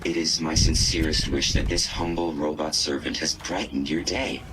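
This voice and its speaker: A humble, courteous robot butler who attends to resort guests in formal, servile phrases. The voice sits extremely low, and heavy background noise runs beneath it in this game recording. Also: male voice, steady tone, moderate pace. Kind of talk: video game character dialogue.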